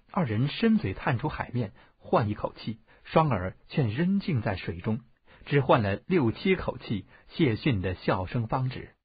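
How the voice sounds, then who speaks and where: A man narrating a martial-arts novel as an audiobook, telling it expressively with a husky voice. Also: medium pitch, dry recording. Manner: expressive storytelling, varied tone. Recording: dull, dry lo-fi audiobook recording.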